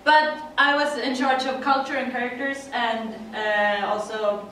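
Her voice on the high side and fairly bright, a middle-aged Swedish woman presents at a conference in English, her accent clear and her talk chatty with frequent laughter and fillers. She keeps a fairly even intonation at a measured pace. Picked up from afar by a room mic in a dim, echoey conference room, the audio has a little hiss or hum.

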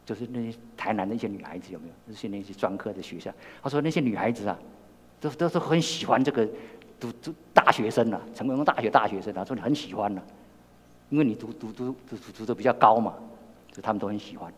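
A man's voice: lowish voice, fast talker, slightly rough. An older man with a Taiwanese Mandarin accent preaching a sermon, telling a personal story with many repeated words and restarts. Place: church hall. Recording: long reverb in a church hall.

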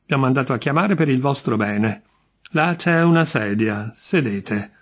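A patient, wearily kind judge, as a male reader puts him on, coaxing and reasonable. The husky voice sits higher than plain talk and stays mild even when exasperated. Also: moderate pace, lightly acted.

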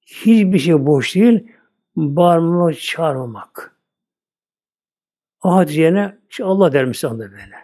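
An older male preacher talks through a religious lesson in a loose, conversational way, circling back over the same phrases. His voice sits a little high and sounds soft and mellow. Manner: plain conversational preaching, repeats "böyle". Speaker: Islamic preacher. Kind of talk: religious sermon talk.

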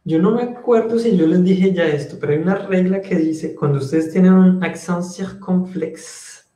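A man's voice: high-pitched, normal speed, dark tone, echoey room. A man teaching French in an online class, explaining patiently and switching between Spanish and French.

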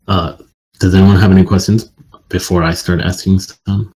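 A man's voice: sits low, little pitch movement, normal speed, warm tone, slightly rough, rough recording. A man hosting an online Q&A on a video call, asking questions hesitantly. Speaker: host. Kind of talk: casual Q&A hosting.

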